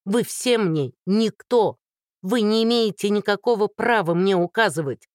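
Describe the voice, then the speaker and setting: A reader voicing a furious young woman who shouts and taunts in an audiobook. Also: medium pitch, unhurried, no echo, studio quality, pitched above the performer's own voice, close to an everyday voice.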